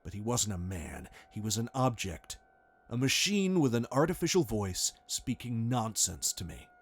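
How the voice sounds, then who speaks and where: A man's voice: mid-range voice, very animated, moderate pace, slightly rough. A man reading a first-person horror story aloud in a tense, dramatic way. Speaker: narrator. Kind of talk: scripted horror narration.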